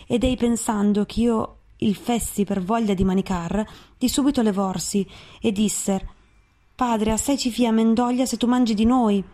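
A woman giving a measured, solemn recitation of classic verse. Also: mid-range voice, mellow. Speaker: reader.

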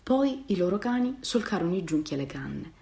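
A woman narrating a children's fairy tale in an expressive, storybook manner. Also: fairly low pitch, fairly quick, gravelly. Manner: expressive, softens for sad passages. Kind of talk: storybook reading.

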